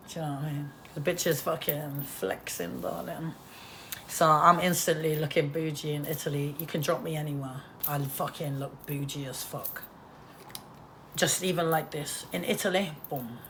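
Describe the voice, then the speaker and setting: A woman's voice: low-pitched, a bit bright, slight background noise. A woman chatting casually on a livestream at home in a flamboyant, profane way, often calling people darling. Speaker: artist and vlogger.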